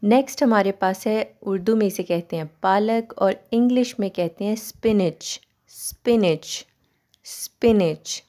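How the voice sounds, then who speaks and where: A woman teacher walks learners through English words, repeating each one slowly so they can follow along. Her voice is mellow and unhurried, pitched in an ordinary middle range. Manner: slow, repeats each word for learners to copy. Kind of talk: pronunciation lesson.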